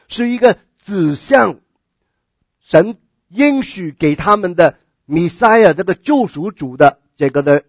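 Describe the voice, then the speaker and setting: A man with a high voice preaches a sermon in earnest, often repeating himself and putting questions to his listeners. The sound is dull and dry, a lo-fi recording with no room around it. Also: no room sound.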